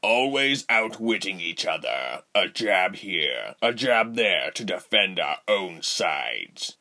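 A man's voice: deep voice, sing-song, bright, forceful tone, heavily acted. A man playing a smug, scheming male villain commander who smirks and threatens. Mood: menacing. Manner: slow, smirking, menacing.

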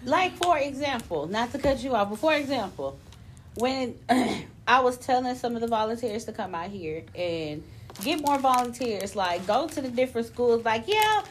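A woman's voice: on the high side, animated, moderate pace, slight background noise. A woman co-hosting a casual podcast, talking frankly and conversationally and swearing freely. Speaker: podcast co-host. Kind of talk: casual chat.

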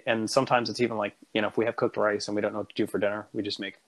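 An American podcast co-host with a lowish voice talks very fast in a flat delivery. He chats casually and enthusiastically but rambles, often restarting and correcting himself.

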